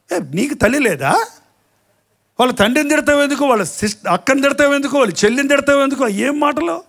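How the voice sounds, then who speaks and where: A pastor preaching a live sermon, asking the congregation rhetorical questions and slowly stressing each item in a list of sins, with mocking asides. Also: male voice, very high-pitched, fairly bright tone. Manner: slow, emphatic listing of sins.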